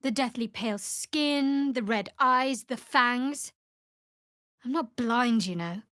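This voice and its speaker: A woman with a high-leaning voice plays a guarded, wry young female cleric of a dark goddess in a fantasy video game. She speaks in a measured, dry, sardonic way, with no room sound.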